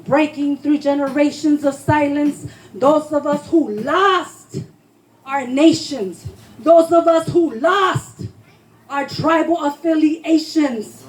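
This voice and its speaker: Before a responsive crowd at a live poetry reading, a woman poet gives an emphatic, impassioned spoken word performance, declaiming her lines. Her voice sits high, her pace is slow, and the recording is rough.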